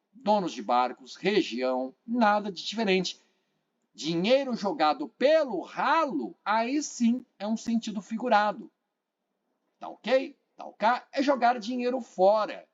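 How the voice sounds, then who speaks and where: A man with a Brazilian Portuguese accent teaching an exam-prep grammar lesson, asking the viewer questions and repeating phrases. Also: fairly high pitch. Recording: dull lo-fi sound.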